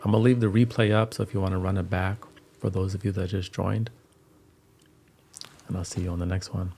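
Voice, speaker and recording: A man's voice: low voice, level tone, brisk, dark tone. A man hosting a music livestream, chatting casually in a laid-back, slangy way. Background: music playing.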